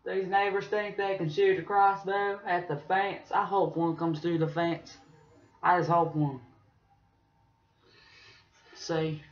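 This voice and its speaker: High-voiced drawling redneck played by a young man. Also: fairly bright tone. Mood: grumbling. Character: bearded rural redneck man, opinionated, easily bored. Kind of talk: casual vlog rambling in character. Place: small bedroom, indoors. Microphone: webcam or laptop mic at arm's length. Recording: dull lo-fi webcam sound.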